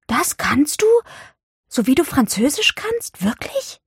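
A woman voicing an awed, timid young schoolgirl in a storybook audiobook, in a high, wondering voice. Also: animated, unhurried, vocal fry, mellow, breathy edge, no room sound, studio quality, full character voice. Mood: amazed.

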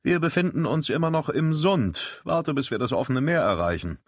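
A man's voice: fairly high pitch, lively intonation, moderate pace, dry recording, clean studio sound, pitched above the performer's own voice. A man voicing a good-humoured, bossy male quartermaster on a ship. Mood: jovial.

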